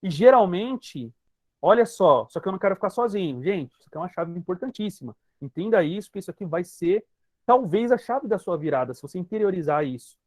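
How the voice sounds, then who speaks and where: A man's voice: high-pitched, expressive, brisk, darkish tone, no echo. A man with a Brazilian Portuguese accent, a hypnotherapist giving an emphatic teaching talk to an online group, speaking straight to his listeners and repeating his key points.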